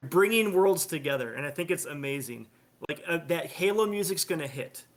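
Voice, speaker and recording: A man's voice: a little high, lively intonation, a little fast. A man co-hosting a casual gaming podcast, enthusiastic and jokingly combative. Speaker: podcast co-host.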